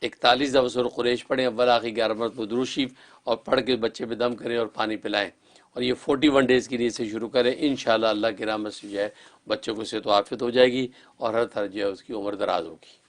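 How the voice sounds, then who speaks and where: A man interpreting callers' dreams on a religious call-in show, calm and advising in a set, formulaic way. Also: mid-range voice.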